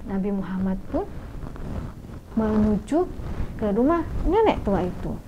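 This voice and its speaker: A woman telling a children's story live on radio, lively and speaking straight to her young listeners. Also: medium pitch, a little slow, background noise. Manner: lively, addresses listeners directly. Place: radio studio. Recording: muffled radio studio audio.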